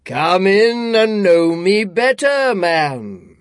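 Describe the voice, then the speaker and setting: A man voicing a jolly giant male spirit, kind and hearty, speaking slowly and emphatically in a storybook reading. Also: high voice, very animated, pitched above the performer's own voice, heavily acted.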